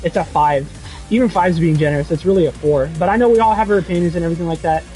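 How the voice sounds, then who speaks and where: A young man streaming casually, reading chat and rambling excitably with lots of "dude" and "bro". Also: on the high side, very fast, soft background music.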